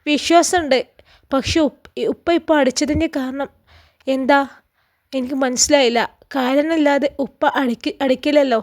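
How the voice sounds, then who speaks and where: A woman storyteller voicing a worried, tender middle-aged mother who pleads anxiously, in a high voice. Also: fairly even intonation, moderate pace, close to an everyday voice.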